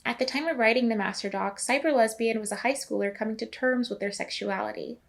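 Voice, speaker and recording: A woman's voice: fairly high pitch, fast, gravelly. A young woman narrating a video essay in a casual, chatty way, with asides to the viewer.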